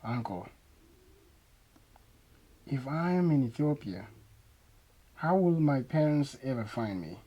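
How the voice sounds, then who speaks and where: Speaking slowly and pausing often, a young Dinka-accented man from South Sudan mixes spoken recollection with line coaching in his role as a dialect coach. His mid-range, mellow voice swings widely in pitch. The recording is muffled, with clear background noise and ambience.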